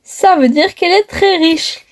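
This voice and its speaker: Brief: snobbish bossy mother, voiced by a woman, shrill indignant scolding, slow delivery. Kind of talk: homemade family skit.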